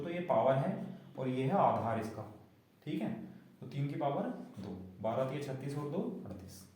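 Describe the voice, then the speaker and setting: A man's voice: mid-range voice, warm tone, a little hiss or hum. A man teaching a maths lesson, explaining each step and often asking the class whether they understood. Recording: very echoey room.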